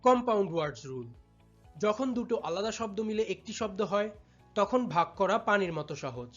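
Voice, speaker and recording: An English teacher with an expressive, medium-pitched voice gives a step-by-step tutorial, patiently repeating words and stretching them out slowly syllable by syllable. The audio is slightly dull, with faint music in the background.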